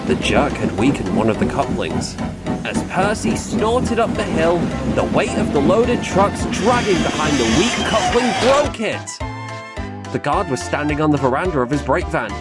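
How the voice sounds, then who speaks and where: A man narrating a children's train story in an expressive storytelling manner. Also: on the high side, a little slow. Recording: narration over loud music.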